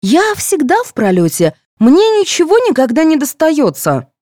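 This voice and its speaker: A woman's voice: sits high, wildly swooping pitch, normal speed, a little mellow, no echo, clean studio sound, pitched above the performer's own voice. Woman doing a sulky jealous teenage girl. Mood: sulking. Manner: whiny, resentful.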